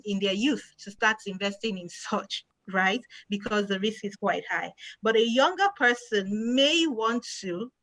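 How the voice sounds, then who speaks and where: A woman's voice: mid-range voice, pushed and bright, no echo, poor audio. A woman, answering audience questions as an investment expert, patient and plain, stressing key words. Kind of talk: explanatory Q&A answers.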